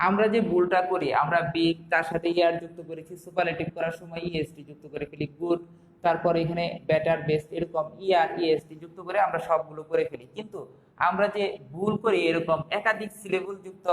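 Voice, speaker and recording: A man's voice: on the high side, steady tone, fast, echoey room, long reverb tail, rough recording. A young Bangladeshi man teaching an English grammar class online, explaining step by step and asking the students rhetorical questions.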